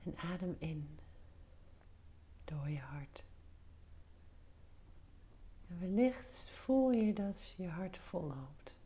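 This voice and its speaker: Low, very slow, whispery woman guiding meditation. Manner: soft, breathy near-whisper, soothing; short instructions with pauses. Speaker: meditation guide. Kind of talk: guided meditation.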